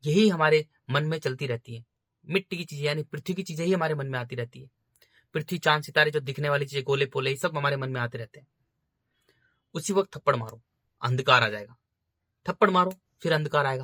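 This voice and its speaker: Bright-voiced man preaching insistently. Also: mid-range voice, dry recording, clean studio sound. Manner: insistent, repetitive exhortation; addresses listeners as brothers. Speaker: spiritual speaker. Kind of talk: informal spiritual preaching.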